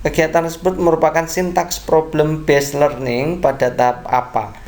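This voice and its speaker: A man tutoring online who talks through exam questions at an unhurried pace. He reads each answer option aloud in turn. He keeps checking in with his viewers by asking them to agree. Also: on the high side, level tone, darkish tone. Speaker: online test-prep tutor.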